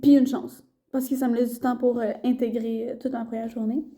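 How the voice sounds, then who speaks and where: A woman's voice: fairly high pitch, level tone, a little fast, dark tone. A young woman from Quebec with a Québécois accent, a student intern chatting casually in a rambling vlog with many fillers and restarts. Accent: Québécois French.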